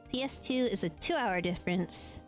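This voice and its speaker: Soft music plays behind a Latin American woman streaming games, who talks affectionately and casually with her live audience. Her voice is mid-range and moderately paced, worn from a long session, with many ums.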